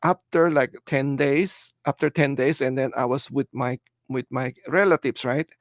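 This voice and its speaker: This middle-aged livestream host from the Philippines has a mid-range voice and a steady tone, with a Filipino English accent. He responds to viewer comments casually, halting and earnest, leaning on "uh" and "you know." The recording is studio quality with no room sound.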